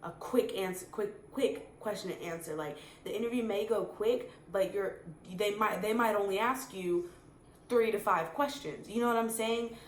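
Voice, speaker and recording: A woman vlogger talking casually to camera, full of fillers and repeated words. Her voice sits at a middle pitch. The room is echoey, and faint noise sits behind her. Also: moderate pace. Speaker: vlogger giving career advice. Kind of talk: casual advice talk to camera.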